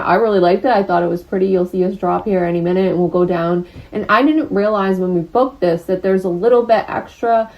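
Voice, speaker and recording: A woman's voice: mid-range voice, muffled recording. A woman travel vlogger narrating casually in a friendly, rambling way with filler words.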